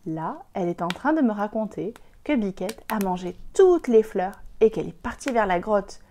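A woman's voice: medium pitch, expressive, moderate pace, warm tone, natural voice. A woman reading the part of Heidi, a brave and cheerful young girl, in an encouraging storybook voice.

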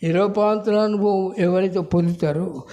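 A man pastor preaching a sermon with passion, swinging between loud outbursts and hushed lines. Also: high voice, steady tone, a little slow, a little hiss or hum.

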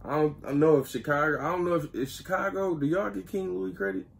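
A young man hosting a reaction video, talking casually in slang, excitable and often checking in with his listeners. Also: high voice, brisk, gravelly. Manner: slangy, excitable, keeps asking "you feel me".

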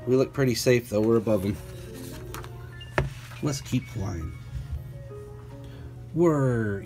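A mellow, mid-range male voice reads a children's picture book with clarity and care, chatting along the way and asking young listeners playful questions.

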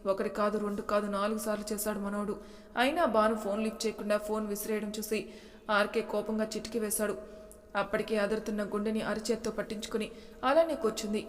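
Flat-voiced woman narrating a story. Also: medium pitch, fast talker. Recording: long echoing reverb.

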